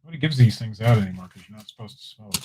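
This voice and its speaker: A man's voice: lowish voice, very fast, a little hiss or hum. A man running a casual live-stream auction, chatting with viewers as he shows items and calls bids. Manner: chatty, relaxed, talks to viewers in chat.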